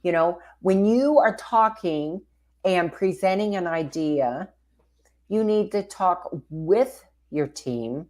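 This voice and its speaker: Upbeat woman co-hosting, lowish voice. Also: expressive, slow pace, a little mellow. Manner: upbeat, laughing, addresses viewers as folks. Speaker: co-host. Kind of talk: casual talk-show chat.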